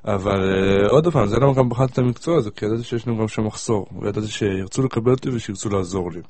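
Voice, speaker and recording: Casting: man, lower voice, halting conversational explanations, dry close sound. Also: a little mellow, no echo. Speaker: university student. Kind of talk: casual chat.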